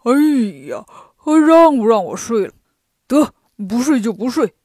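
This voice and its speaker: A woman doing a whiny, gruff lazy pig-demon. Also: on the high side, lively intonation, measured pace, no room sound, studio quality. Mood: indignant. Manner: whiny, grumbling, loud and gruff. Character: boastful lazy greedy male pig-demon disciple. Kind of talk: children's storytelling.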